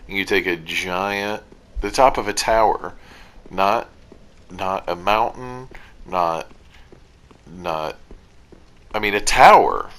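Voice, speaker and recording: A man's voice: sits low, pushed and bright. A tired, sleepy man giving rambling, self-deprecating commentary over his own gameplay recording. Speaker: gaming video commentator.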